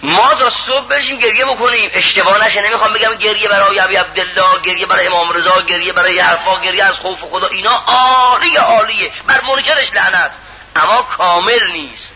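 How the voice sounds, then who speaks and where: A man preaching a sermon in an impassioned, pleading way, swinging between loud appeals and hushed lines. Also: high voice. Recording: muffled lo-fi recording with faint hiss.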